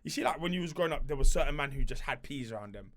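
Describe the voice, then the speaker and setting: A man's voice: medium pitch, animated, racing, fairly bright tone. A man with a London roadman accent, a guest chatting and bantering casually in street slang. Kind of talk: casual chat show banter.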